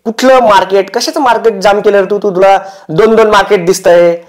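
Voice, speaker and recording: A man's voice: sits high, fairly even intonation, brisk. A man hosting a comic roast, teasing and mocking the people in the clips he reacts to. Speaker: roast host.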